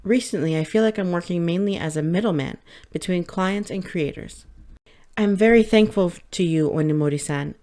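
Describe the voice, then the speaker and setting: A woman reading a first-person light novel audiobook in a steady, measured way. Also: on the low side. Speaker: audiobook narrator.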